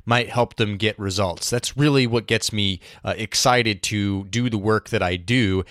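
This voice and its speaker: A man in his thirties hosting a jazz education podcast, telling a personal story in a relaxed, thoughtful way with many fillers. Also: lowish voice, unhurried, no room sound, studio quality. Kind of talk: casual storytelling monologue.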